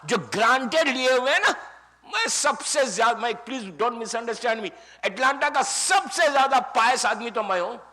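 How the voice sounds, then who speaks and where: A man preaching a Ramadan sermon. He talks to the audience like friends, swinging from loud exclamations down to near-whispered asides. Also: extremely high pitch. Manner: conversational, addresses audience as friends. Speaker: Islamic preacher. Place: mosque or community center hall.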